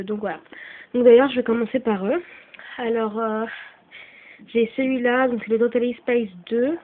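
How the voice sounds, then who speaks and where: Sick with a cold and coughing, a channel host rambles through the used items she's selling, pausing often and apologizing, her talk full of "euh" and "voilà." Her voice is a little high. The casual sales video sounds tinny and lo-fi, like a phone, with faint noise.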